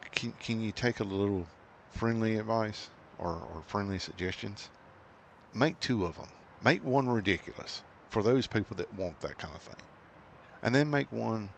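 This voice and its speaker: A middle-aged man with a very low, gravelly voice talks through a farming game in a loose, rambling way, full of fillers and restarts. He slides easily into exasperated rants. A faint hiss sits under his home desk-mic recording. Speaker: gaming channel host. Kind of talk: casual gameplay commentary.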